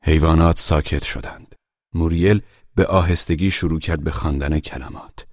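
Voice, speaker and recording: A man narrating a storybook in a measured, grave, dramatic way. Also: a bass voice, fairly even intonation, a little mellow, dry recording, clean studio sound. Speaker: audiobook narrator.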